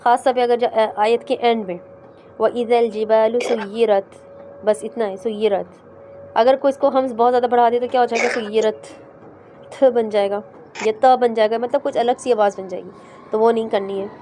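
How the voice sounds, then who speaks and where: A woman with a fairly high, mellow voice teaches recitation in a class. She explains each letter patiently, step by step, and slowly sounds out the syllables for her students to repeat. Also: fairly even intonation, a little hiss or hum. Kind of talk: online class explaining pronunciation.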